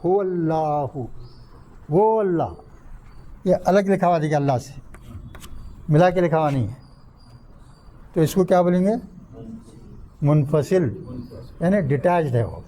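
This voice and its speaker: A man's voice: on the high side, warm tone, slight background noise. Older man teaching Arabic grammar. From India. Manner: quizzes the class with repeated questions; mixes in English terms. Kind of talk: classroom lecture. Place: mosque classroom.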